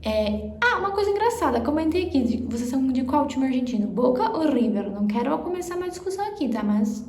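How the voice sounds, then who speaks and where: A woman's voice: sits high, sing-song, quick pace, a little mellow, slight background noise. A young woman giving a chatty, casual language lesson, laughing and exaggerating pronunciation drills. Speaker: Spanish teacher. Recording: roomy echo, faint ambience.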